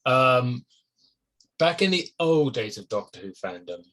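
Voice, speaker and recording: Husky man hosting a chat. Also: medium pitch, big pitch swings, measured pace, a bit bright. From Wales. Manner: chatty, jokey, tells anecdotes. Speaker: podcast host. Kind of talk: casual conversational interview.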